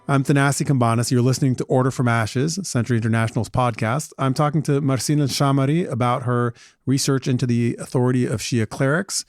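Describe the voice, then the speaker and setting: Halting male podcast host, dry sound. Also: mid-range voice, a little mellow, no room sound. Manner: halting, many "uh" fillers. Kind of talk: interview hosting.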